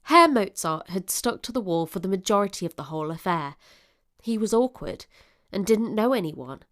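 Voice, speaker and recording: A woman narrates a scripted period drama in an expressive, literary storytelling style, with a medium-pitched voice at a normal speed.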